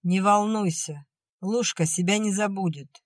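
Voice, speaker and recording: A woman's voice: medium pitch, a little slow, no room sound, clean studio sound, voice pushed up, natural voice. A woman doing a stern, scolding older sister. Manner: curt, scolding, irritable.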